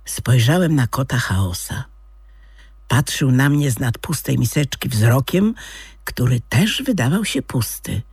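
Husky storyteller, slow and animated, dry close recording. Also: medium pitch, dry recording. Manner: expressive, lively storytelling. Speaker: audiobook reader. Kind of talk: scripted story narration.

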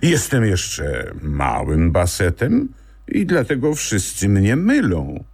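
A man voicing a small, dignified young male basset puppy in a children's audiobook, earnest and a bit touchy. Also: huge pitch swings, slow pace, a little mellow, breathy edge, exaggerated voice. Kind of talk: audiobook character voice.

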